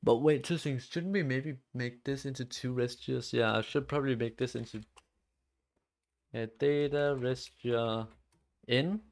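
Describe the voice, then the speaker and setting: Here a medium-pitched, slightly mellow male voice speaks at a measured pace. He's eighteen, chatting loosely on a live stream as he codes, leaning heavily on "like" and cursing often.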